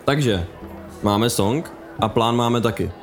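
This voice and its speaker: A man's voice: medium pitch, soft background music. Young man laying out a plan in a game. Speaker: player. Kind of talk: casual game chat.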